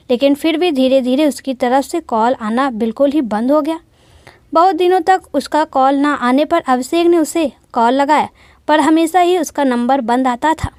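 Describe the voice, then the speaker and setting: A woman's voice: high voice, moderate pace, a little mellow, no room sound. A woman narrating a moral love story in a plain storytelling manner.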